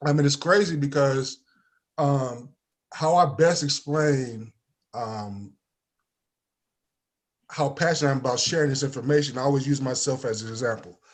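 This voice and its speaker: On a casual talk show, a forties-aged man from East Saint Louis, Illinois, USA, who sells life insurance, tells animated stories and voices the dialogue himself. He speaks in a mid-range voice at a moderate pace, with long pauses, often tossing in "you know what I mean."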